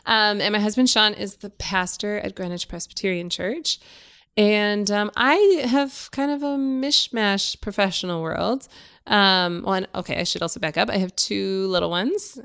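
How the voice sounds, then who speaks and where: A woman in her thirties, talking casually as a guest, slightly raspy and stuffy from a cold, chatty and self-deprecating. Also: mid-range voice, normal speed, fairly bright tone. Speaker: podcast guest. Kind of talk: casual conversation.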